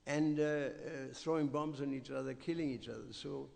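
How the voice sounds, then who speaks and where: A man's voice: mid-range voice, steady tone, moderate pace, gravelly, darkish tone, in a large hall. A male preacher telling a dramatic story in a sermon, acting out the voices of the people in it. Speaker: visiting preacher. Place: temple hall.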